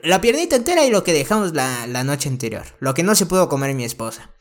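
A young man with a Mexican Spanish accent, retelling a film scene in slangy, profane, animated casual chat. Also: on the high side, fast talker.

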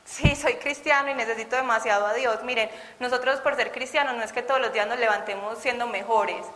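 Lady preaching, bright sharp voice, asks the crowd questions, hall reverb. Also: a little high, steady tone, a little fast. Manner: earnest, asks the audience questions. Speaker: lay preacher. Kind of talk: sermon.

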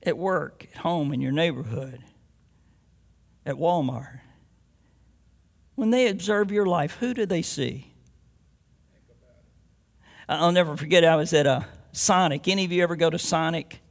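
A man's voice: a little high, measured pace, gravelly, pauses often. A man preaching a sermon as a pastor, mixing scripture with homely stories and rising to emphatic declarations.

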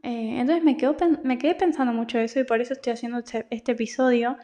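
Talking at a quick pace, a young Argentine woman hosts her podcast in a high-leaning, dark voice with a steady tone. Her monologue, in Argentine Spanish, is rambling, personal, and confiding, with plenty of restarts.

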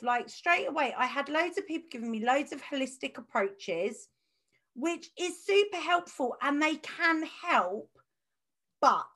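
A woman's voice: high voice, fairly bright tone. A young woman hosting a podcast, chatting casually and often murmuring agreement while her guest speaks. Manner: chatty, frequent affirming murmurs. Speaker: podcast host. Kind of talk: podcast interview.

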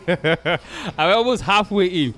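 A man's voice: sits high, expressive, unhurried, bright, forceful tone. A middle-aged Nigerian man co-hosting a podcast, telling anecdotes in casual chat with bits of Pidgin. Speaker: podcast co-host. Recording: music playing in the background. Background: background music.

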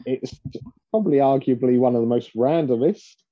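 A man's voice: medium pitch, normal speed, no room sound. A man co-hosting a podcast in casual chat, with a muffled sound to the recording. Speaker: podcast co-host.

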